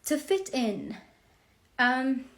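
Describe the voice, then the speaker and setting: A woman in her forties from Romania hosts her first live stream, speaking slowly and hesitantly with many fillers. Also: high voice, very animated. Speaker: host.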